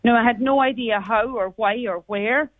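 Her voice on the high side and her pace moderate, a middle-aged woman from Carrigart, County Donegal, shares personal memories as a radio interview guest. She speaks with a Donegal Irish accent over a phone call, and the narrow, tinny line carries no echo.

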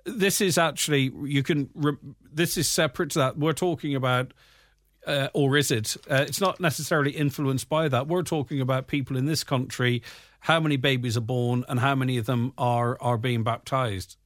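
Male radio interviewer, mid-pitched voice, dry close sound, discursive questioning. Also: fairly even intonation, moderate pace, fairly bright tone, no echo. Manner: discursive, self-correcting. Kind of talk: current affairs interview.

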